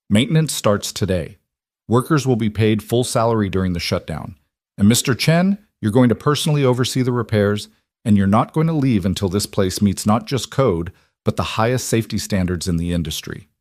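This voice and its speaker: A man's voice: fairly low pitch, fairly quick, darkish tone, dry recording, clean studio sound, close to an everyday voice. A man voicing a determined single father turned company boss, speaking firmly.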